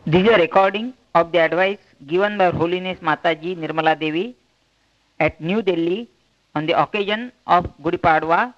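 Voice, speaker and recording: A man with a fairly high voice reads out a formal introduction in a measured, announcing manner. The sound is dull and lo-fi, the way an old tape recording sounds. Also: fairly bright tone.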